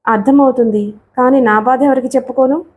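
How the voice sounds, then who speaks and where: A woman reading the lines of a sorrowful young woman who speaks quietly in an audiobook story. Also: sits high, fairly even intonation, a little fast, a little hiss or hum, close to an everyday voice. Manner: quiet, hushed.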